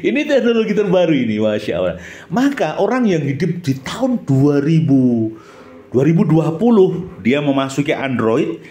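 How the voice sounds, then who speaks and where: With slight background noise, a middle-aged man who once worked as a radio announcer and now hosts a channel talks through old memories in the Central Javanese accent of Indonesia. His pitch rises and falls very expressively, and he frequently tosses short questions to his listener as a companion occasionally joins in.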